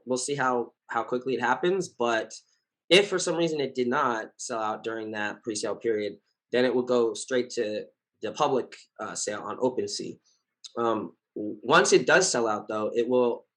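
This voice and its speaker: A man with a scratchy, hoarse voice talking casually to his community as founder, earnest and reassuring, rambling with many fillers and self-corrections. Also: mid-range voice, moderate pace, fairly bright tone. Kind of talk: casual spoken update to followers.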